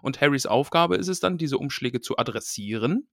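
A man's voice: mid-range voice, animated, normal speed, a bit bright, no echo, clean studio sound. A man co-hosting a casual podcast, chattily retelling a book chapter with playful voiced quotes. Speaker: podcast co-host.

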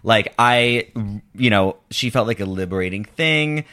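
A man's voice: fairly low pitch, expressive, a little slow, sharp tone, clear, resonant tone. A man in his twenties chatting casually as a podcast guest, phrasing things hesitantly and peppering sentences with "like". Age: 20s. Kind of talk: casual chat.

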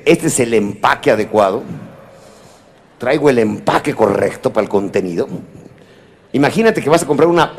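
A man's voice: medium pitch, a little mellow. Playful man giving a motivational talk. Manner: playful, teasing, talks straight to the listeners. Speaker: motivational speaker. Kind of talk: humorous lecture to a live audience.

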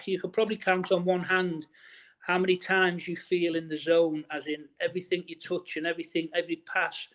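This high-voiced middle-aged man, once a footballer, talks briskly with a flat delivery and a fairly bright tone. Looking back on his career in a relaxed interview, he keeps restarting sentences and dropping in "you know" as filler.

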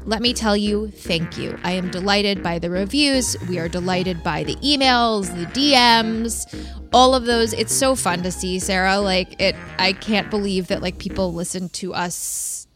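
A woman hosting a podcast in casual, chatty style with vocal fry, often dropping in "like" as she gives advice. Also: medium pitch, a little slow, over music. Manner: casual, peppered with "like". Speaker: podcast host.

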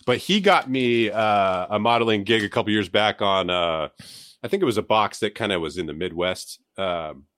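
An actor improvising as an earnest, rambling diaper spa owner, halting and full of restarts. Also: male voice, lowish voice, fairly bright tone, close to an everyday voice. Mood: deadpan earnest. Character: man playing an adult-baby diaper spa owner. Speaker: comedy guest in character. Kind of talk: improvised comedy bit.

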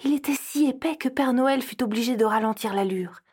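A woman giving expressive scripted narration for an audio story. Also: on the high side, fairly quick, husky.

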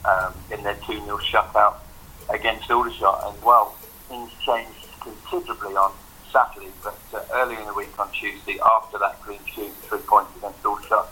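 A man with a bright, punchy voice on the low side gives conversational football analysis. There is faint noise behind him, as on a podcast. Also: level tone, normal speed, poor audio.

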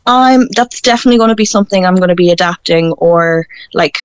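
A woman's voice: on the low side, quick pace, smooth, no room sound. Woman with a west of Ireland accent, muffled audio. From Galway, west of Ireland. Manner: hesitant, informal, peppered with "like". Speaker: interview guest, performer. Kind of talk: candid conversational interview.

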